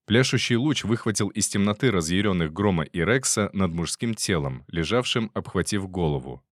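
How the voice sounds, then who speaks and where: A man narrating a first-person audiobook in a steady, tense storytelling manner. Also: deep voice, moderate pace, no room sound, studio quality.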